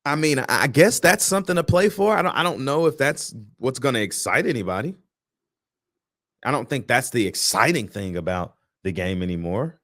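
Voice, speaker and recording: A man's voice: mid-range voice, sing-song, moderate pace, a bit bright. A man hosting a sports fan show, talking casually about an upcoming game with slang, repeated words and restarts. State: sleepy, yawning. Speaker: sports podcast host.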